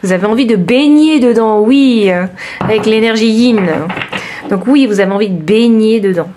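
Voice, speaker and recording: Chatty, expressive woman reading tarot. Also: on the high side, normal speed, noisy background. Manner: chatty and expressive, exclaiming over cards; addresses listeners directly. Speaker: tarot card reader. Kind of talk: informal tarot reading to camera.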